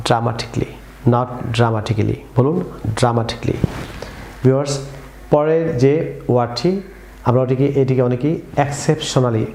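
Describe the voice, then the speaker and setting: A man's voice: medium pitch, dark tone. A man teaching English pronunciation in a YouTube tutorial, often calling out to viewers and leading repetition drills. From Bangladesh. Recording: echoey room, faint ambient noise.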